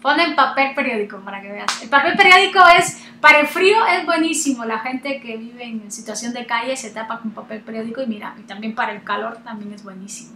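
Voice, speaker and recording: A chatty woman hosts a relaxed interview over a video call. Her voice sits high and bright. It carries a roomy echo. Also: brisk, few pauses, a little hiss or hum. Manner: chatty and animated, laughs often. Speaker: host. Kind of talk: casual chat interview.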